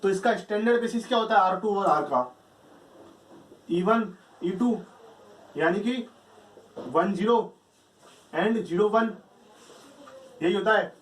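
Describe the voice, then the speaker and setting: A man's voice: sits high, slow pace, pauses often. A man teaching a math lecture, explaining step by step and answering his own questions. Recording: echoey room, distant mic.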